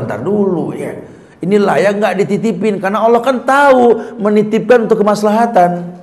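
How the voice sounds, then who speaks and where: A man from Indonesia giving a humorous sermon, telling stories and mimicking earnest prayers in a low, fervent voice. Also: a little mellow, big-room sound. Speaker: preacher.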